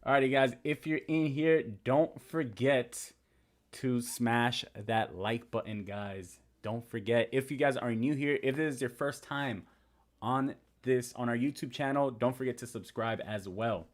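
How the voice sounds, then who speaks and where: Speaking at a measured pace in a mid-range voice, a young native Spanish speaker runs a casual live stream. He reads and answers comments from viewers and talks his way through trading charts in a chatty manner.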